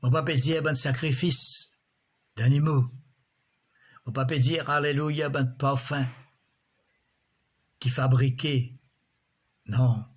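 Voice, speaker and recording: A man preaching a sermon in a slow, measured way, often breaking in with alleluias. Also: medium pitch, steady tone, breathy edge.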